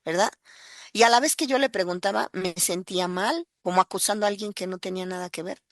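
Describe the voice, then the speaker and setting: A woman's voice: medium pitch, fast, dry recording, clean studio sound. A woman with a Mexican accent giving an emotional personal testimony, earnest and full of fillers as she tells her story. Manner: earnest, breaks into acted quotes, many fillers.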